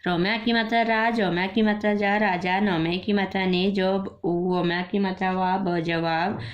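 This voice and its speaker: A woman teacher with an Indian accent reads a children's story aloud, slowly spelling out each syllable and explaining words for young pupils. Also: mid-range voice, fairly even intonation. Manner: slow, patient letter-by-letter spelling and explaining. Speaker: primary school teacher. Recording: dull lo-fi recording.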